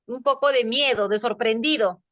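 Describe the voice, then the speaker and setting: A woman's voice: a little high, normal speed, a bit bright, no room sound, highs cut off. A woman student answering in class, hesitant and searching for her words. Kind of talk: class discussion.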